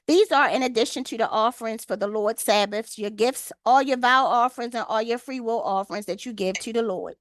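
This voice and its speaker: High-voiced woman leading a Bible study. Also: a little fast, few pauses, no room sound. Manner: reads scripture aloud, then talks to the group by name. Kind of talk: online Bible study lesson. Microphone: video call.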